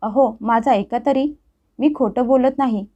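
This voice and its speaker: A woman's voice: on the high side, a little slow, mellow, lo-fi sound. Woman reading as a wronged young wife. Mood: pleading. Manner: pleading, upset.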